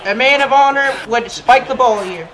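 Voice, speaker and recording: Casting: man, very high voice, cocky game trash talk. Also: normal speed, fairly bright tone, low-quality recording. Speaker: gamer. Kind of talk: trash-talking game commentary.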